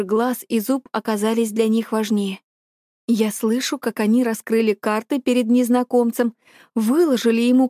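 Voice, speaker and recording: A woman reading a myth aloud as a calm, brooding first-person narrator. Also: on the high side, dry recording, studio quality. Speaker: audiobook narrator.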